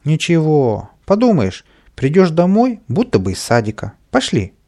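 A man's voice: mid-range voice, normal speed. A man voicing a mischievous, bossy little sprite who eggs a boy on in a children's audiobook. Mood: coaxing. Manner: excited, coaxing, shouting orders. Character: mischievous impish male sprite, bossy troublemaker.

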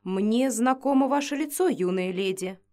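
A woman's voice: on the high side, normal speed, mellow, close to an everyday voice. A woman voicing a pompous male prince of darkness with a stiff, sighing manner. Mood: measured.

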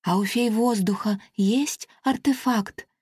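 A woman reading a storybook aloud and voicing a small, excitable girl air fairy who talks in an eager, insistent rush. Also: medium pitch, slow, slightly rough, no room sound, studio quality, pitched above the performer's own voice. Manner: breathless, insistent, bubbly.

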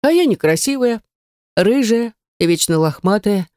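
Woman narrator voicing a dreamy, self-pitying young student girl, audiobook, mid pitch. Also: lively intonation, normal speed, dark tone, no room sound, clean studio sound, natural voice. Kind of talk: audiobook character reading.

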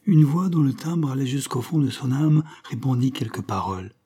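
A man narrating a classic novel as an audiobook reader, in a measured literary reading. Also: mid-range voice, lively intonation, dark tone, husky. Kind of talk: scripted narration.

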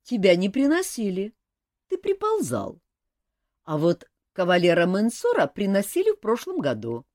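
A woman reading an audiobook, voicing a calm young king who teases with dry humor. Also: medium pitch, moderate pace, no room sound, voice pushed up. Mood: teasing. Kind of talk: audiobook character voice.

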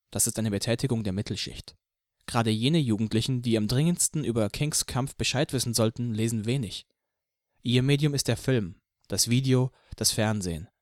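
A man narrating an audiobook in the first person, reading in a measured, even way. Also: on the low side, dry recording, studio quality.

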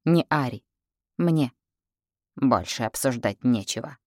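A woman voicing a hoarse, seething night prince. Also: mid-range voice, lively intonation, slow, dry recording, clean studio sound. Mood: grim, curt. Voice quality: hoarse, clipped. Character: brooding furious male night prince, curt and menacing.

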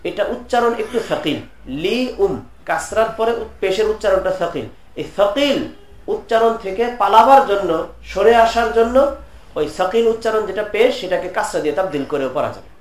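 A man with a high-pitched voice teaches a classroom lesson on scripture commentary. He works through the text term by term, repeats his key points and asks his students questions as he goes. The room around him is echoey. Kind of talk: classroom lecture explaining a text.

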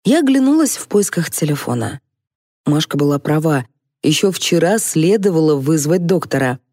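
A woman narrating an audiobook in a wry, even storytelling manner. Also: low-pitched, moderate pace, dry recording, studio quality. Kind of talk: scripted narration.

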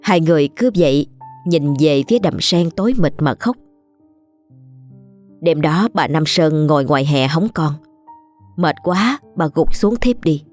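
A woman's voice: sits low, darkish tone. A woman, steadily narrating a ghost story.

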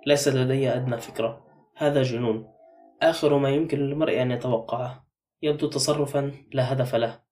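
A man voicing a sharp-tongued, wary man under suspicion, curt and sardonic. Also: mid-range voice, steady tone, brisk, far from the mic, soft background music, lightly acted. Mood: defiant.

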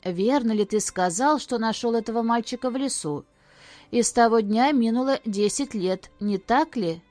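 A woman's voice: a little high, moderate pace, a little mellow, no echo, soft background music, close to an everyday voice. A woman voicing a grieving beggar mother who pleads tearfully in a storybook reading. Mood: urgent. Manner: pleading, sobbing.

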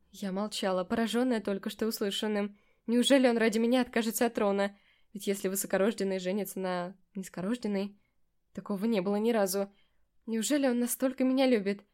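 A woman narrating a first-person fantasy audiobook in an expressive, emotional reading. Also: mid-range voice, a little fast.

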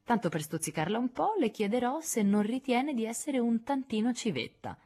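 A woman's voice: on the high side, big pitch swings, moderate pace, mellow, slightly rough, voice pushed up. Woman reading a mischievous, teasing young man in a storybook.

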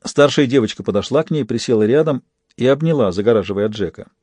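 A male audiobook narrator with a mellow, dark tone and a measured, even delivery. The recording is dry and close, with no room sound. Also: medium pitch, no room sound. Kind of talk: scripted narration.

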